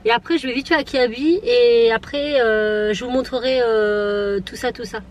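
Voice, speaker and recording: A woman's voice: fairly high pitch, fairly even intonation, moderate pace, a little hiss or hum. A woman in her thirties, chatting casually and laughing at herself while she vlogs from her car. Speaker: vlogger. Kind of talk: casual chat vlog.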